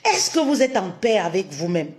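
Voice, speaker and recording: A woman's voice: medium pitch, very animated, normal speed. A woman relationship coach giving a live-streamed talk, cutting in with emphatic affirmations and posing many rhetorical questions to her listeners. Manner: addresses listeners warmly as "my queens", repeats key phrases.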